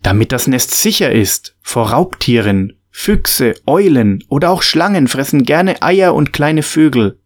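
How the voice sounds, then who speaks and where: A man's voice: medium pitch, expressive, a little slow, few pauses. A man reading a storybook, voicing a friendly father who explains nature to his children in a patient, slightly raised voice. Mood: explaining.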